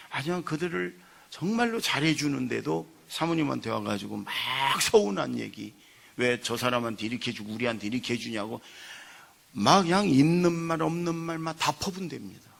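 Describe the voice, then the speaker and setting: Male pastor, sermon, gravelly bright voice, storytelling with loud peaks. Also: fairly high pitch. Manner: storytelling with acted quotes, rising to loud emphasis. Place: church sanctuary.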